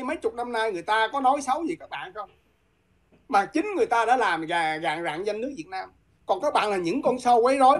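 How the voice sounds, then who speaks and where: A woman from Vietnam, a guest talking politics in a heated, combative way and repeatedly challenging her listeners. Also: a little high.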